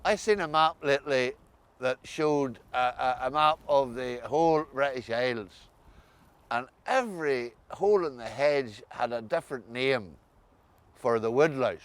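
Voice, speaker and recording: A man's voice: medium pitch, a little slow, clear, resonant tone. A man with an Ulster Scots accent, asking questions as the interviewer in a casual chat.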